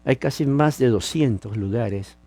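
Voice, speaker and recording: A man's voice: medium pitch, measured pace, warm tone, dry recording. A man preaching a sermon, teaching with emphasis and asking rhetorical questions. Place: lives in California.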